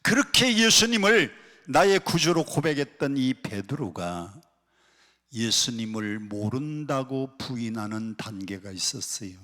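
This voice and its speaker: A man pastor preaching a sermon dramatically, swinging between loud lines and whispers. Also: medium pitch, a little slow. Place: prayer retreat sanctuary. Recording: reverberant hall.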